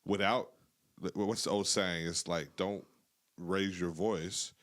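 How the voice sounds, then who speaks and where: Male podcast host with a very low voice, earnest and emphatic. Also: fairly even intonation, slow pace, fairly bright tone. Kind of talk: casual podcast conversation.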